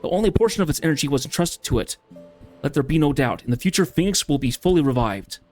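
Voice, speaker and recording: A man's voice: on the high side, lively intonation, fast, a little mellow, faint music behind, close to an everyday voice. A man voicing a grave, formal male swordsman in a game story, reading in a declamatory tone. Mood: solemn. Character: solemn male swordsman bearing a sacred blade.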